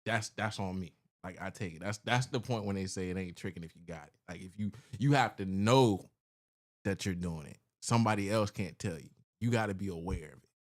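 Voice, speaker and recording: A man with a low, deep voice co-hosts a casual podcast. He talks in a laid-back, rambling way full of slang, often trailing off and circling back to his point. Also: fairly quick. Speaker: podcast co-host.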